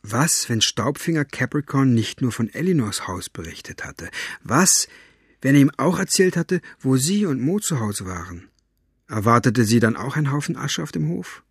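A male audiobook narrator with a slightly husky, breathy tone, reading in a measured storytelling manner. His voice sits at an ordinary pitch and is recorded close and dry. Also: sing-song, dry recording. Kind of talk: scripted narration.

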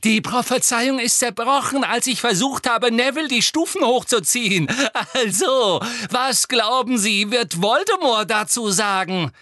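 Shrieking unhinged witch, put on by a male narrator, very high and loud. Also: animated, unhurried, few pauses, dry recording, heavily acted. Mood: taunting. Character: shrill frantic female witch, cruel and fearful.

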